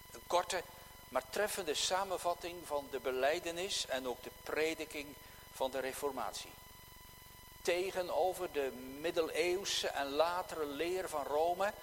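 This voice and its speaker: A man preaching a sermon in a slow, measured, emphatic way. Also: on the high side, fairly bright tone, long reverb tail, a little hiss or hum, rough recording.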